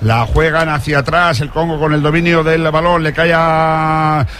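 A man with an accent from Spain giving breakneck, excited football commentary on live radio, stretching out shouted goal calls. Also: fairly high pitch, normal speed, slight background noise.

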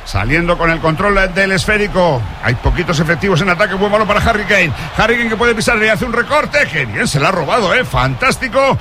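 A man with an accent from Spain giving breakneck, excited football commentary on live radio, stretching out shouted goal calls. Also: high voice, fairly quick, background noise.

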